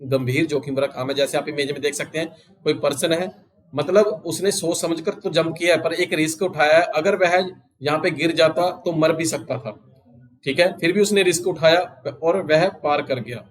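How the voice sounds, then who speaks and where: A man teaching English idioms in Hindi, reading each English phrase slowly and repeating it, with an Indian English accent. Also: on the high side, rough recording. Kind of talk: recorded exam-prep lesson.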